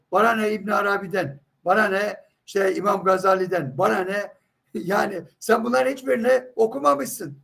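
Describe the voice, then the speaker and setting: A man's voice: very high voice, vocal fry, breathy edge. A man in a heated live religious debate, insistent and emphatic, pressing with rhetorical questions.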